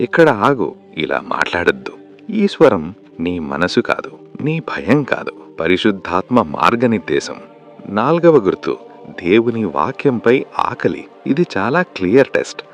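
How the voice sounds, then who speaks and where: A man narrating a devotional sermon in an earnest way, speaking straight to the listener. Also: fairly low pitch. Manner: earnest, addresses the listener directly. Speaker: preacher.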